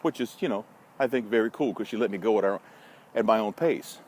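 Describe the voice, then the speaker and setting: A man's voice: fairly low pitch, fairly quick, darkish tone. An American man talking casually and bluntly to listeners while out walking in a park, rambling with wry, folksy asides. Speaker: vlogger and social media marketing consultant. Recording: noisy outdoor walking recording, vehicle sounds. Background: outdoor city ambience, passing vehicles.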